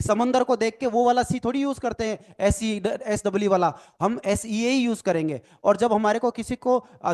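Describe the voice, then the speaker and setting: A man's voice: high-pitched, a little mellow. A man teaching a recorded lecture as an NLP trainer, explaining step by step, spelling words out letter by letter and often adding "ठीक है ना" as a check. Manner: explanatory, repeats "ठीक है ना" tag questions; mixes English phrases into Hindi.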